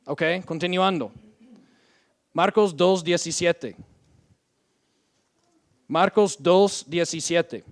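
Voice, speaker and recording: Slow, high-voiced preacher man. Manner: slow, deliberate delivery with frequent "¿ok?" check-ins; reads scripture aloud, drawing out quoted verses. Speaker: pastor. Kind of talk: sermon.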